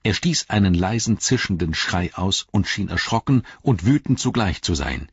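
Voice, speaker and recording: Deep, husky male audiobook narrator. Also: animated, dry recording, muffled recording. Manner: measured storytelling. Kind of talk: audiobook reading.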